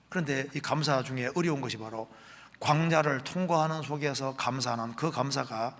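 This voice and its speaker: Bright-voiced Korean pastor preaching. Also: male voice, medium pitch. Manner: preaching, reading scripture aloud slowly with rising emphasis. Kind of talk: sermon.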